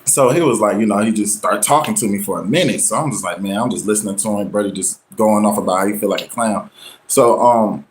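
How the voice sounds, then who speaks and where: A man hosting his own show, telling a personal story in loose, slangy casual talk. He acts out the people he quotes with sudden jumps in pitch. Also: quick pace, slight background noise. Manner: slangy, loose, full of "you know what I'm saying". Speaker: show host.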